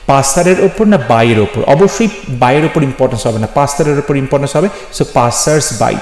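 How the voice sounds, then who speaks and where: A man teaching an English grammar lesson, patiently explaining rules and slowing down to spell out example phrases. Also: medium pitch, animated, a little mellow, faint music behind. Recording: echoey room with long reverb.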